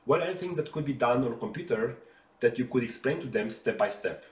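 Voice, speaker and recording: This friendly explainer for kids features an RPA developer in a bright living room with a sofa, keeping his explanations simple and patient while using hand gestures. His mid-range voice is animated, brisk and a little mellow. Recorded from off-mic at a distance, it carries a roomy echo.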